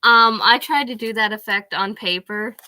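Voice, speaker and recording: A woman's voice: on the high side, moderate pace, pushed and bright, no echo. A teenage girl chatting casually to the camera from her bedroom, rambling with lots of fillers. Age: teens. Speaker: vlogger.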